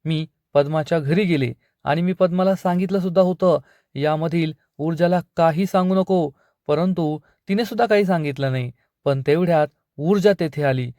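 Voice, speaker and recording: A flustered young daughter protests defensively to her father, voiced by a man recapping a serial. The delivery is hurried and slightly high, with a mellow tone. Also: no echo, studio quality, close to an everyday voice.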